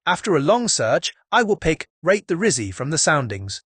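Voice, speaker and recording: A man's voice: fairly high pitch, big pitch swings, moderate pace, fairly bright tone, slightly rough, no room sound. A man hosting a casual, step-by-step video tutorial, upbeat and chatty with jokey asides to his viewers.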